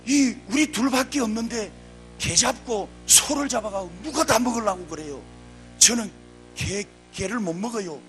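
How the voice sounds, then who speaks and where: A man's voice: normal speed, a bit bright, faint music behind. A male pastor voicing a bewildered, prim widowed woman from Seoul in a sermon story, protesting in a flustered way. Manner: high-pitched, flustered, protesting.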